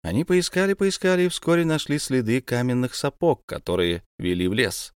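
Male storyteller, lively melodic delivery, dry close studio read. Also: mid-range voice, brisk, clean tone, no echo. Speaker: narrator. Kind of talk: audiobook reading of a fantasy tale.

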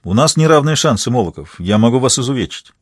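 A composed, courteous detective of forty who keeps his voice measured and level, with a husky edge, as a male audiobook reader plays him. The recording is dry and close. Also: medium pitch, dry recording, lightly acted. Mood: calm. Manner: calm, polite, measured. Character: broad-shouldered man of forty, calm and courteous detective.

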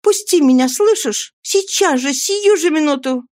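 A desperate young woman pleads in a high, shrill voice, as a woman reads her part. She is insistent and urgent, heard close and dry in an audiobook. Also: lively intonation, measured pace, darkish tone, dry recording.

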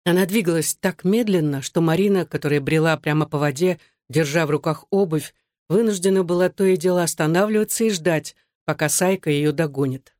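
A woman narrates a story in a calm, even reading voice that sits on the low side. The recording is close and dry, with no room echo. She keeps a steady storytelling manner throughout. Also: fairly quick. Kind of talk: audiobook narration.

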